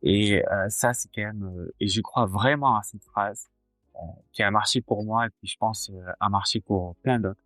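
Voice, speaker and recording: A man's voice: lowish voice, fairly even intonation, normal speed, fairly bright tone, dry recording, faint music behind. A man in his forties, a cardiologist guest chatting casually in an interview, hesitant with many fillers and restarts.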